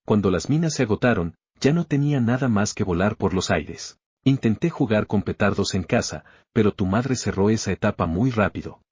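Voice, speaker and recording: A man's voice: lowish voice, animated, moderate pace, hardly any pauses, a little mellow, breathy edge, no echo, studio quality. A man voicing a reckless, cheerful middle-aged father who loves explosives, in a boastful, brash manner.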